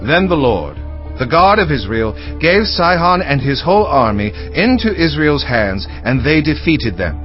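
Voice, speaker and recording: Man acting Jephthah, an animated, challenging warrior. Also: a little high, unhurried. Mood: firm argument. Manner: assertive, rhetorical, emphatic. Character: Jephthah, proud, challenging mighty warrior and commander. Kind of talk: dramatized audio Bible acting. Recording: dull band-limited audio, faint music underneath.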